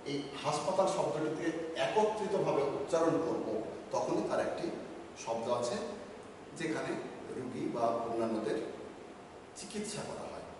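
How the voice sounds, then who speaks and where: Guy teaching a grammar class slow and careful, kinda high voice, long reverb and faint room hum. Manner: slow, measured explaining with pauses between words. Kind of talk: grammar lesson. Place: office room. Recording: echoey room from far off.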